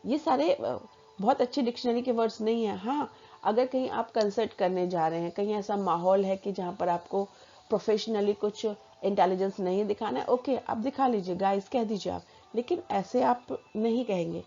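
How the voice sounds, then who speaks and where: A woman teaching a personality development lesson, explaining in a measured way with spoken examples. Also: mid-range voice, warm tone, muffled recording.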